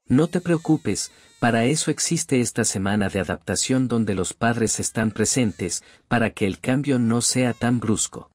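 A performer voicing a friendly male daycare teacher who talks in a calm, reassuring way. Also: mid-range voice, measured pace, hardly any pauses, no room sound, natural voice. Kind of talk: game role-play acting.

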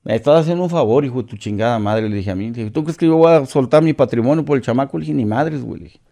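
A middle-aged Mexican man with a Mexican accent appears as a podcast guest, telling a story in casual, profane slang and acting out the other voices. He speaks quickly, with a medium-pitched, dark-toned voice.

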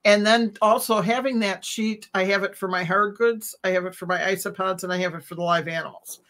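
A middle-aged woman on a video call from home, calmly explaining her routine step by step as an interview guest. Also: medium pitch, a little fast. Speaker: reptile vendor guest. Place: home room. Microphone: webcam on a video call.

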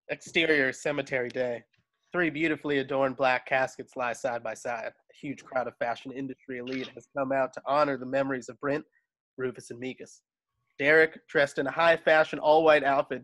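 A man with a mid-range, fairly bright voice expressively reads the stage directions of a screenplay. It's a table read held over a video call from his home, and he is picked up by the call's microphone.

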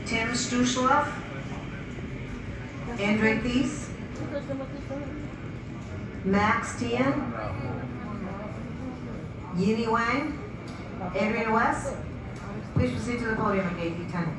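Woman on an echoey airport PA. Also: a little high. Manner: reads names slowly, one by one. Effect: airport public address loudspeaker announcement. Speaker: gate agent. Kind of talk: paging passengers over the PA. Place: airport terminal. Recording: echoey distant terminal PA with loud noise.

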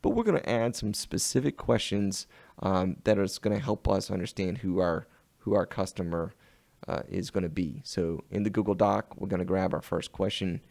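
A man with a Southern US accent giving an unhurried, step-by-step walkthrough of a web design tool in a screen-recorded tutorial. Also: low-pitched, creaky, darkish tone, dry recording.

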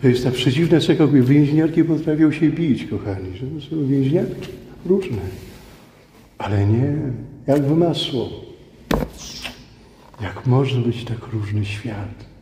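In a big, echoing church, a middle-aged man preaches a sermon woven with personal stories, staying conversational while stressing points and repeating phrases for effect. He has a warm, medium-pitched voice and talks a little slowly, with long pauses. Background noise is audible in the hall.

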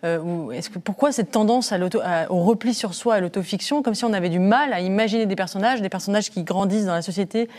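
A woman's voice: medium pitch, quick pace, hardly any pauses, a little mellow. A woman hosting a panel discussion, asking long questions with frequent hesitations. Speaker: host.

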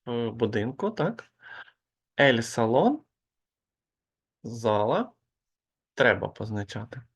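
Slow, gravelly male language teacher. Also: medium pitch, big pitch swings. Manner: slow, patient explaining with hesitant fillers. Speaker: Spanish teacher. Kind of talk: online grammar lesson.

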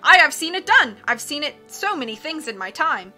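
A woman voicing a blustering, excitable male submarine captain from a storybook, roaring and constantly changing his mind. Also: high-pitched, faint music behind, voice pushed up, heavily acted. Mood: blustering, scatterbrained. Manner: roaring, self-contradicting, rapid changes of mind.

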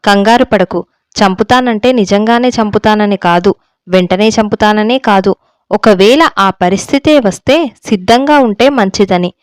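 A woman's voice: medium pitch, normal speed, no echo, lightly acted. A woman voicing a fed-up, defiant young daughter-in-law who speaks heatedly in a storybook reading.

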